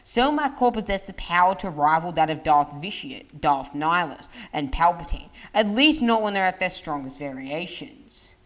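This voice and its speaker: A woman's voice: lowish voice, lively intonation, normal speed, hardly any pauses, a bit bright. A woman narrating a lore video from a script, leaning hard on dramatic phrases, with small restarts.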